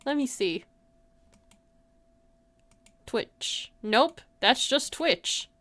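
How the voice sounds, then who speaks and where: She speaks very slowly in a high-pitched, slightly bright voice with lively intonation, captured in clean studio sound without echo. As a livestream host, she chats informally with viewers, giggling and saying "like" frequently.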